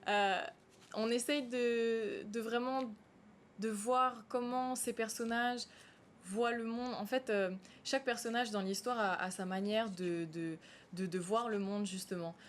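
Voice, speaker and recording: A woman's voice: on the high side, steady tone, unhurried, a little hiss or hum. A woman, a stage actress, answers interview questions in a TV studio, hesitant and full of fillers and restarts.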